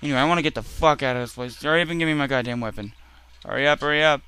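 A man commenting casually on his own game playthrough, swearing loudly at enemies and saying he is tired and irritated. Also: medium pitch, racing. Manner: profane, loud outbursts at enemies. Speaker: gaming channel host. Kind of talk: casual let's play commentary.

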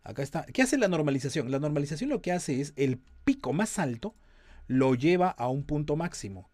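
A man's voice: a little high, darkish tone, no room sound. A man lecturing on audio compression in an online class, explaining step by step and checking that his students follow.

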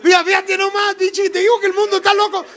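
A man's voice: very high-pitched, monotone, fast, fairly bright tone, a faint crowd, a little hiss or hum. A man with a Mexican Spanish accent doing profane, rowdy stand-up comedy, laughing often and teasing the audience. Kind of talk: stand-up comedy with crowd work.

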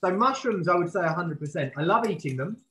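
Over a video call, a male chef runs a live cooking demo from a professional kitchen, standing back from the camera and walking through each step clearly and informally. His voice is high-pitched, lively in intonation, fast and a bit bright. There's a little hiss or hum.

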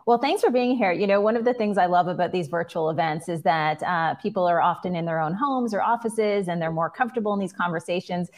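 A woman's voice: lowish voice, quick pace, hardly any pauses. A woman in her forties moderating a virtual fireside chat, asking friendly, well-paced questions over a video call. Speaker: interviewer, moderator.

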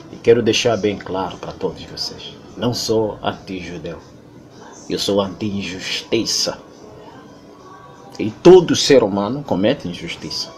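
A man from Angola with an Angolan Portuguese accent, speaking in an emphatic, lecturing monologue with a lot of repetition. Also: lowish voice. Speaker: interviewee. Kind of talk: impassioned monologue.

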